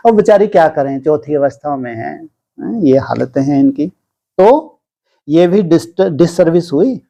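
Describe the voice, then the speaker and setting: Slow, mellow-voiced man giving spiritual counsel. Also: a little high. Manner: unhurried, with rhetorical questions and prompting hums; pauses often to clear the throat. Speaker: spiritual teacher. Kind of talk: spiritual discourse to a gathering.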